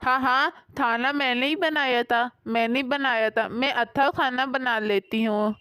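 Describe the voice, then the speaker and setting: A woman's voice: high-pitched, fairly even intonation, measured pace, sharp tone, clean tone, no room sound, studio quality. A woman voicing a sweet, naive young wife who talks with a childlike lisp, turning her r and k sounds into l and t. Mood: protesting. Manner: babyish, earnest. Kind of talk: storybook voice acting.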